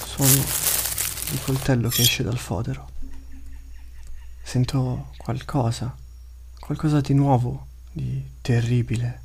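A man's voice: mid-range voice, level tone, slow pace, gravelly, pauses often, a little hiss or hum, voice pushed up. A man voicing the inner thoughts of a huge, hungry male beast that talks in short, broken phrases. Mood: dying. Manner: terse broken inner monologue.

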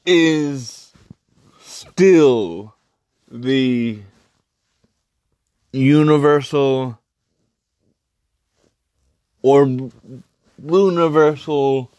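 A man hosting a casual solo podcast review, speaking in halting, terse, choppy phrases. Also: medium pitch, darkish tone, dry recording. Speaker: wrestling podcast host.

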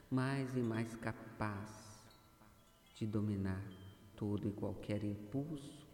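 Male meditation guide, low and mellow, unhurried, repeated affirmations, reverberant hall-like sound. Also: a little hiss or hum. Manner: slow, measured, repeating affirmations. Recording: roomy voice with long reverb.

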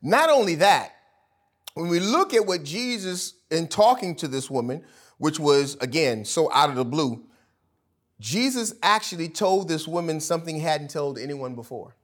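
Male pastor, high voice, emphatic sermon delivery with loud peaks and hushed drops, casual fillers. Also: expressive, moderate pace. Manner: preachy, emphatic, rising to loud peaks and dropping to near-whispers; casual speech with fillers and self-corrections.

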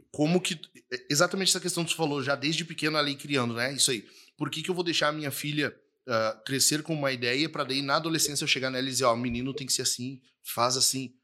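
A man's voice: mid-range voice, fast talker, bright, forceful tone. A man, a pastor on a podcast, earnest and affirming as he states his points firmly. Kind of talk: casual podcast chat.

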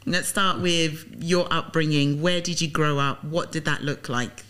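A woman's voice: sits low, steady tone, unhurried, a bit bright. A woman interviewing a guest in a casual, conversational way as a podcast host. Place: studio.

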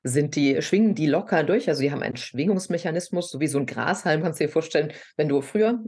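A middle-aged woman from southern Hesse, a voice coach, explaining things in an animated, teacherly way as a guest in a podcast interview. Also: sits low, quick pace, breathy edge. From southern Hesse, Germany.

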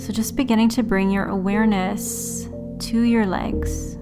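A woman leading a guided relaxation meditation in a soothing, unhurried sleep-story manner, leaving long pauses. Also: medium pitch, fairly even intonation. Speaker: yoga and meditation teacher, host. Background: background music.

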